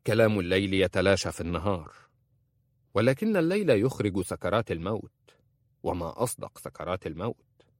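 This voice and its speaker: Guy reading a grumpy old tailor in a storybook, kinda low, swings up and down a lot. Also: sing-song, a little fast, dry recording, clean studio sound. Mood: mocking. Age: older. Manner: sardonic, blunt. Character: old male tailor, blunt and sardonic.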